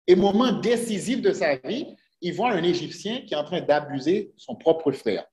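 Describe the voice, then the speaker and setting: A man gives an earnest sermon in a church sanctuary, the echo of the room audible, and often directs rhetorical questions at his congregation. He speaks at a normal speed in a high-pitched, expressive, slightly mellow voice.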